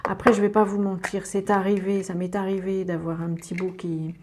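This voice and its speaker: A woman's voice: medium pitch, flat delivery, brisk, background noise. A woman giving a hands-on papercraft tutorial, chatting step by step with little asides as she works at her table. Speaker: papercraft demonstrator. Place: indoors at a craft table.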